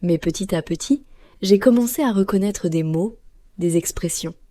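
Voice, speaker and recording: A woman co-hosting a learners' podcast, speaking clearly and slowly like a teacher. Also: mid-range voice, warm tone, no echo. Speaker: podcast co-host. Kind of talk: scripted podcast dialogue for learners.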